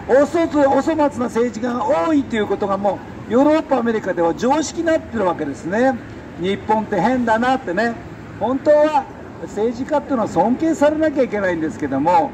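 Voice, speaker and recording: A middle-aged man giving an emphatic, halting, colloquial street speech into a handheld microphone. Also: sits high. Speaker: defeated election candidate, street speaker. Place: outdoors beside a busy city road. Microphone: handheld microphone held close. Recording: noisy city street with traffic.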